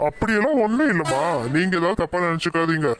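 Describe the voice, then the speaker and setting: A man's voice: sits high, animated, fast, a bit bright, a little hiss or hum. A man voicing a mild young husband in a cartoon, placating his mother and wife, with a Tirunelveli Tamil accent. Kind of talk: cartoon voice acting.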